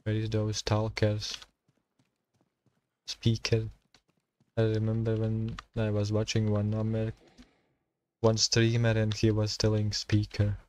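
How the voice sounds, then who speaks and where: A man streaming a survival game, talking to himself and his chat in halting, while he plays. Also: fairly low pitch, monotone, a little mellow. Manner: halting non-native English, thinking aloud while playing. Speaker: gaming streamer. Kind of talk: casual gameplay commentary.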